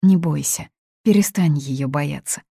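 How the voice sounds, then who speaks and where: A cold, fearless young woman, voiced by a woman narrator in a story reading. The voice sits low and slightly gravelly, hard and cutting. It is recorded dry and close. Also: unhurried, mellow, no room sound, full character voice. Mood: cold, firm. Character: blunt, fearless young woman confronting a family.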